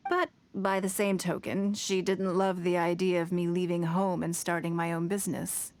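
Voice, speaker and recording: A woman voicing a self-made young businesswoman in a video game, calm and earnest, who is fond of fish and picky about food. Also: on the low side, close to an everyday voice. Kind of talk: game character dialogue.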